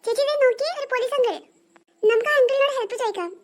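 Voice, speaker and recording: A woman's voice: very high voice, rapid-fire. A woman voicing a curious younger girl, a little sister, in a cartoon, eager and inquisitive. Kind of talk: cartoon voice acting.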